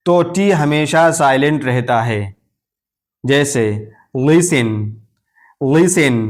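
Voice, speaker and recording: Slow, patient male English teacher. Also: a little high. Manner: repeats each example word twice, then explains the rule; uses Urdu-flavored terms for rules and letters. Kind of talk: slow classroom explanation of pronunciation rules.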